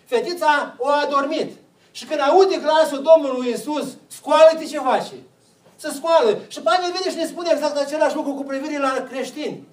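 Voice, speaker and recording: A man's voice: extremely high pitch, roomy sound, distant mic, rough recording. A man preaching a sermon, putting questions to the congregation and answering them himself.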